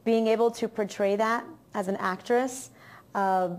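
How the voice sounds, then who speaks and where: A woman's voice: medium pitch, fairly even intonation, unhurried. A woman with a Miami accent, chatting upbeat as an actress guest in an interview. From Miami, Florida, USA. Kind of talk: casual interview chat.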